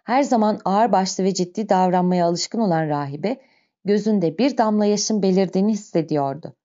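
A woman reads a novel aloud in slow, measured storytelling. Her voice is warm and mellow, with a middle pitch. The recording sounds dull and lo-fi. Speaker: narrator. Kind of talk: audiobook reading of a novel.

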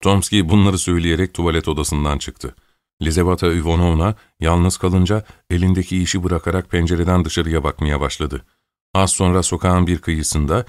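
A man narrating an audiobook in a steady, measured storytelling manner. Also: deep voice, no room sound, studio quality. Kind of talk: audiobook reading.

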